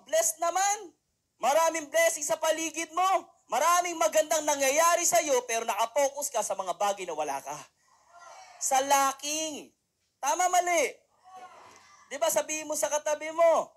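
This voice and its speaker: A woman giving a motivational seminar talk, telling a story and constantly asking the audience for responses. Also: high-pitched. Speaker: motivational speaker.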